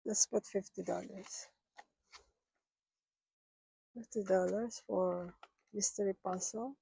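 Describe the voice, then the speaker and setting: A woman's voice: mid-range voice, fairly even intonation, slow, gravelly, dark tone, breathy edge, no room sound, poor audio. A middle-aged woman who is sick, vlogging about her budget and murmuring as she counts cash aloud, half to herself. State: sick, rough voice. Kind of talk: casual counting-along vlog.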